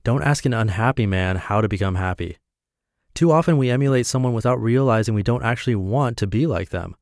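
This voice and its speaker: A man from Montana, reading his reflective essays aloud in a measured, deliberate way. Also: mid-range voice, a little mellow, no echo, clean studio sound. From Montana, USA.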